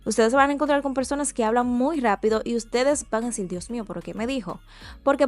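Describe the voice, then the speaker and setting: A woman from the Dominican Republic with a Dominican Spanish accent, teaching an online English lesson and modeling slow, deliberate pronunciation for learners. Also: on the high side.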